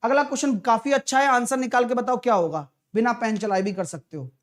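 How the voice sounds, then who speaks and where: A very high-voiced man leads an online maths session, live, aimed at exam preparation. Chatty and persuasive, he constantly tests his students with short questions.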